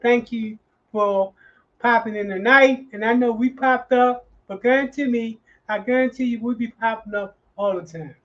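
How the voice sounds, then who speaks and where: A man in his sixties closing a live online class as the instructor, halting and full of fillers and restarts. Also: extremely high pitch, fairly bright tone, muffled recording. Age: 60s.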